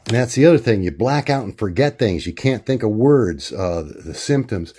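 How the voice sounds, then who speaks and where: A man talking to his camera at home in a rambling video diary, halting often with fillers and restarts as he hunts for words. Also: expressive, warm tone, husky. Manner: acts out quoted voices in a much higher pitch. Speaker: vlogger.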